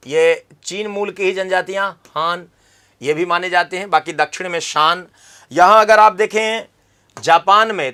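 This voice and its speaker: A man's voice: sits high, sharp tone. A man teaching an exam-prep geography lesson, repeating key terms and quizzing the viewer with questions.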